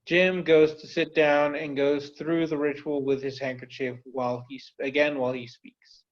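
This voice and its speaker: A man's voice: fairly high pitch, little pitch movement, normal speed. Man plainly reading stage directions. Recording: dull lo-fi audio.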